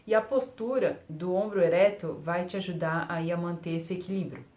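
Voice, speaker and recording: A woman's voice: lowish voice, normal speed, darkish tone, echoey room. A young woman giving surfing tips in a casual, chatty way, often laughing at herself and using fillers. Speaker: surf vlogger. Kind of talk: casual tutorial talk.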